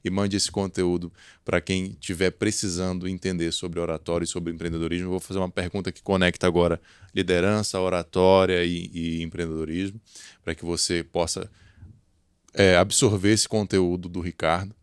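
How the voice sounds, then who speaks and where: A Brazilian man hosts a podcast in a very deep, smooth and resonant voice. He talks in a conversational way. The sound is dry and close. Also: level tone, normal speed, no room sound. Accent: Brazilian Portuguese. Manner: conversational, affirming with short interjections. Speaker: podcast host. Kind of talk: podcast interview, hosting.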